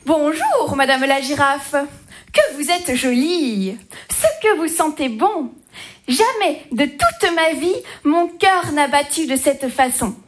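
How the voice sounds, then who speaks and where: A woman voicing a smooth-talking male lion who flatters in a slow, crooning way. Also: high-pitched, heavily acted. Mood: flattering.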